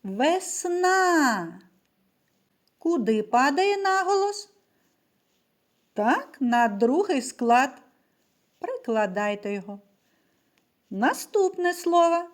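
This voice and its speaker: A woman teaching a literacy lesson to small children in a high, bright-pitched voice that rises and falls a lot. She speaks slowly and draws out each word syllable by syllable so the children can say it with her. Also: big pitch swings. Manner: slow, carefully stressed words for children to repeat. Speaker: primary school teacher.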